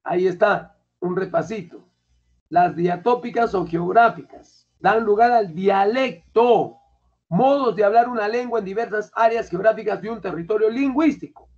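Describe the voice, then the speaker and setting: High-voiced teacher quizzing students. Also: male voice, normal speed, darkish tone. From Peru. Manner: colloquial, keeps quizzing students. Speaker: language teacher. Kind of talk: classroom lecture. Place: classroom. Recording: dull lo-fi classroom recording.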